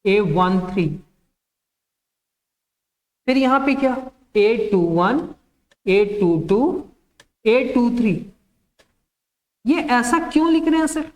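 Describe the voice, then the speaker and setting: A woman teaching a maths class at an unhurried, deliberate pace. She works through the material one step at a time, asking the class short questions and then giving the answers herself. She repeats each key term so that it sticks. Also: on the high side, expressive, darkish tone. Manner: slow, step-by-step dictation.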